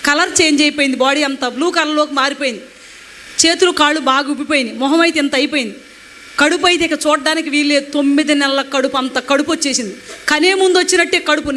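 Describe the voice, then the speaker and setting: A woman telling her testimony at a rapid clip, her voice high and bright. She retells events emotionally and acts out what others said. Faint noise sits under her voice. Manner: emotional, animated retelling with acted quotes. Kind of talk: personal testimony storytelling.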